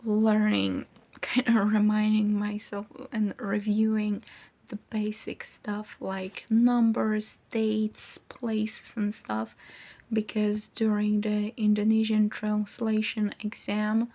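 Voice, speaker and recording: Slow and monotone, with a warm mid-range voice, a woman in her early 20s from Poland rambles informally in a casual student vlog. Polish is her first language.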